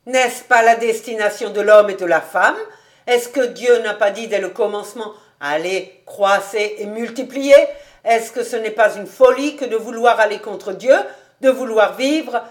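A woman reading an audiobook, voicing a jolly bachelor man who teases loudly and laughs a lot. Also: mid-range voice, expressive, unhurried, natural voice. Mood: teasing. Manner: boisterous, teasing, laughing.

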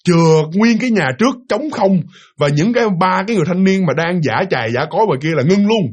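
Quick, husky Southern Vietnamese storyteller. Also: male voice, sits high. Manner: animated, repeats words for effect, addresses listeners directly. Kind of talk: spooky storytelling to an audience.

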